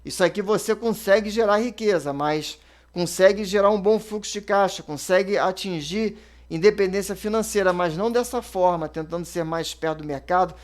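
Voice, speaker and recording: A man's voice: high-pitched, normal speed. A Brazilian man, an investment advisor in his thirties or forties, explaining investing in a casual, conversational way with fillers and self-corrections. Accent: Brazilian Portuguese.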